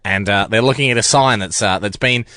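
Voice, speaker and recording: A man's voice: fairly low pitch, a little fast, pushed and bright, no room sound, clean studio sound. A young man co-hosting a comedy radio show, reading a comic strip aloud in a playful, mock-dramatic way. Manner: mock-dramatic, playful storytelling with put-on quotes. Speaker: radio co-host.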